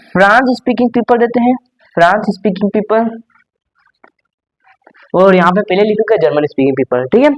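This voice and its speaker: A man's voice: high voice, darkish tone, highs cut off. Young man teaching a lesson. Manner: repetitive, explaining step by step with frequent "okay". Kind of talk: class lesson.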